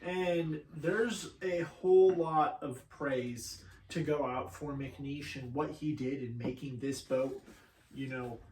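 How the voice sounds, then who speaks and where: A man co-hosting a podcast in casual chat, agreeable and quick to back up his partner. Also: medium pitch, darkish tone, distant mic, slight background noise. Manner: agreeable, backs up his co-host. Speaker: podcast co-host. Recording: roomy sound from off-mic.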